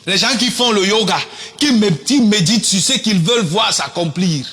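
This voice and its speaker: A man preaching a fiery sermon, shouting in a sing-song cadence and repeating phrases. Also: high voice, moderate pace, faint music behind. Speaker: prophet preaching. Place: church service.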